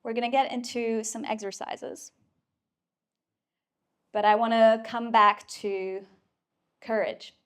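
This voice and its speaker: A woman's voice: a little high, fairly even intonation, slow, pauses often, clean tone. A woman giving an inspirational talk to a live audience at a mentoring event, playful and emphatic, with casual swearing. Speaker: speaker at a mentoring community event.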